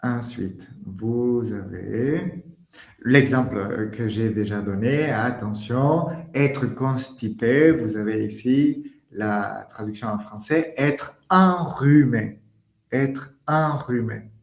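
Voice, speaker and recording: A man's voice: lowish voice, slow pace, creaky, a little mellow. A man teaching French in a webinar lesson, patient and repeating key words, recorded in an echoey room.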